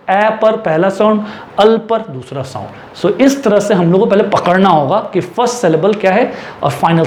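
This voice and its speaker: A man with an Indian accent teaching English spelling rules in a classroom style, reading rules slowly and deliberately, then explaining quickly and repeating words for learners. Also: high voice, a little mellow. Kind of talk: classroom lesson mixing Hindi and English.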